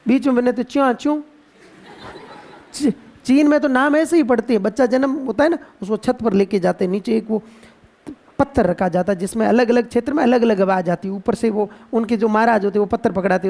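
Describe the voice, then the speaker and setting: A man with a Rajasthani Hindi accent teaching geography to a class, playful and quizzing students with drawn-out repetitions. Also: sits high, darkish tone. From India. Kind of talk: classroom lecture.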